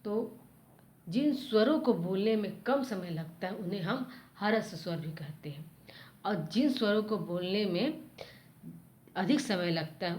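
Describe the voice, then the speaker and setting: A woman teacher giving a grammar lesson to children, spelling out letter sounds one at a time in a patient, explanatory way. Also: medium pitch. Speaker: school teacher.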